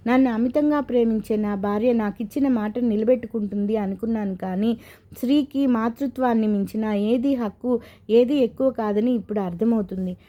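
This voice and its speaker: A woman's voice: fairly high pitch, normal speed, warm tone, close to an everyday voice. Sorrowful young husband, as a woman reads him. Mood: grieving. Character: grieving young married man, haunted by past.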